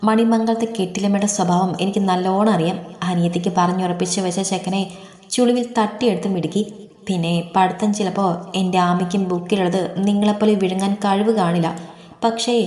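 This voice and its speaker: A woman's voice: medium pitch, a little mellow, close to an everyday voice. A woman voicing a fierce young woman who bluntly scolds and protects her friend, in a story reading. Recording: echoey reverberant room.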